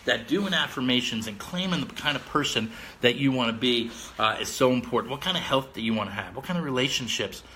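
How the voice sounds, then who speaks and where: A man delivers an energetic motivational talk to his live viewers, speaking outdoors with a faint hum of ambience around him. His voice is bright and forceful, and his delivery is upbeat and direct, like a pep talk. At times he sounds a little out of breath. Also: medium pitch, a little fast. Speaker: host of a motivational live stream.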